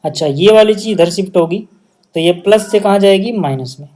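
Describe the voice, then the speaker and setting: A man's voice: high voice, brisk, a little mellow. A man with a Hindi accent teaching a maths lesson step by step at a whiteboard, often checking that students follow and mixing English maths terms into his Hindi. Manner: patient, step-by-step explaining with frequent check-in questions.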